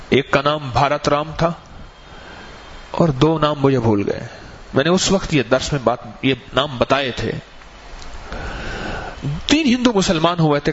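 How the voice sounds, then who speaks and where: A male preacher telling a story in a sermon, animated, and acting out the dialogue of the people in it. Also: a little high, slight background noise. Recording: muffled, lo-fi recording.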